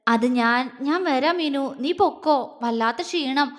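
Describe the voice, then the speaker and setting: A woman's voice: high-pitched, unhurried, long reverb tail. A woman voicing a shy, innocent young woman who speaks sweetly and a bit playfully, in a story reading.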